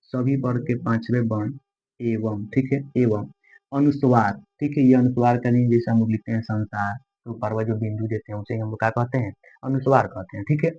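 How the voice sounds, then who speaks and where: Guy teaching grammar, keeps repeating words slow, kinda dull lo-fi sound. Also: mid-range voice, steady tone, dark tone. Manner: repetitive, drills terms slowly. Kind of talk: grammar lesson.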